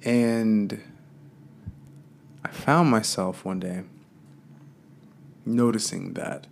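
A man with a low, gravelly voice talks through a spiritual reflection in a loose, rambling way, leaning on fillers. A faint hiss sits under the recording. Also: drawn-out words. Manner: casual, meandering, with many fillers.

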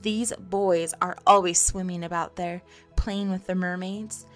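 Woman putting on Captain Hook, a slow menacing pirate villain. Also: high-pitched, fairly even intonation, a bit bright, soft background music. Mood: scheming. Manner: slow, through clenched teeth, theatrical.

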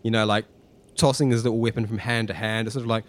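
A man narrating a tabletop game as game master, casually improvising his descriptions in a halting way. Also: on the low side, steady tone, no room sound.

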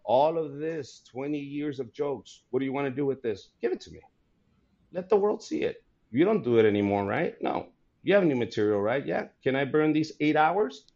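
A man in his forties, a comedian, chatting casually and telling stories in an animated, laughing way. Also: medium pitch, moderate pace, creaky, muffled recording. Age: 40s. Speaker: comedian guest. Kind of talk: casual podcast chat.

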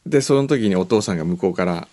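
A man hosting a podcast, chatting casually and telling a story with lively imitated lines. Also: sits low, quick pace. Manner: animated storytelling, slips into mock dialect lines. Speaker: podcast host. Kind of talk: casual chat.

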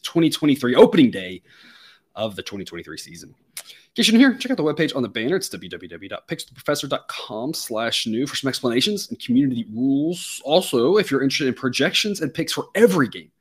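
Male host, rapid talker, mid-range pitch, explanatory sports-show delivery. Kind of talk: conversational sports show presenting.

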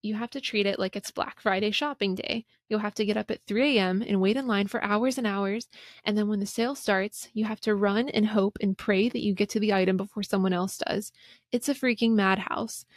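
A woman's voice: mid-range voice, fairly even intonation, brisk, no echo, studio quality. A woman hosting a podcast, reading an interview aloud and commenting on it in a chatty, emphatic way. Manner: chatty and emphatic, with frequent fillers. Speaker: podcast host.

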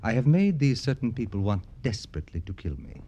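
Gloating and taunting, a male radio-drama actor delivers a wealthy, jaded satirist's florid, affected lines fast, with big swings in pitch. His voice is lowish and warm, and the character is arrogant and theatrical from the old-time production.

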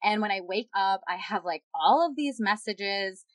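A woman's voice: medium pitch, animated, moderate pace, dry recording. A woman casually telling a personal story, rambling with lots of fillers. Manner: rambling, filler-heavy, many "like"s and "yada yada".

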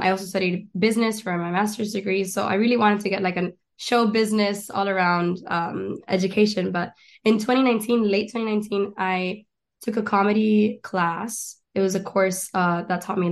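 Young woman guest, everyday mid-pitched voice, rambling and eager, keeps restarting her sentences. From Miami and Argentina. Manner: chatty and eager, lists things, frequent restarts. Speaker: guest, actress and stand-up comedian. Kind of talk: casual interview chat.

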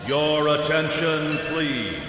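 A man making a formal railroad station announcement over a park loudspeaker. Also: a little high, slow pace, loud music behind the voice. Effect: park loudspeaker announcement after a chime. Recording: echoey, long-reverb loudspeaker clip.

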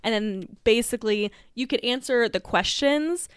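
A woman's voice: fairly high pitch, normal speed, smooth, no room sound, studio quality. A woman co-hosting a podcast in casual chat, talking with lots of fillers and laughs. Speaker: podcast co-host.

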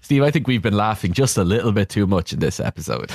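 A man chatting and telling anecdotes in a casual, animated, comedic way as a podcast co-host. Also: lowish voice, quick pace, creaky, slight background noise. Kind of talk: casual comedic chat, storytelling.

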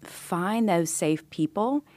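A low-voiced woman host speaks reflectively, offering gentle advice to her listeners. Her voice sits deep for a woman. The sound is close and dry, with no room around it. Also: lively intonation, slow pace, no room sound. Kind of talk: supportive counseling talk.

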